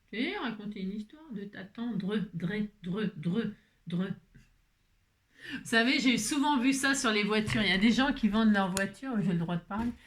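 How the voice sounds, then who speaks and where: A chatty woman talks her way through a craft project, half to her viewers and half to herself. She mutters as she works, teases herself and laughs often, at an ordinary middle pitch. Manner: chatty, self-mocking, muttering to herself while working. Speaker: craft vlogger. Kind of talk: casual chat while crafting.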